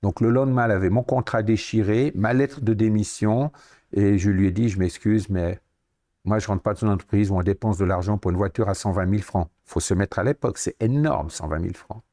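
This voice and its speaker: A Swiss French man in his sixties with a fairly low voice, speaking as a podcast guest. He tells stories with energy, acting out the lines of the people he quotes. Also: a little fast. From Switzerland. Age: 60s. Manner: lively anecdotes, acts out quoted dialogue. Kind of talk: storytelling interview.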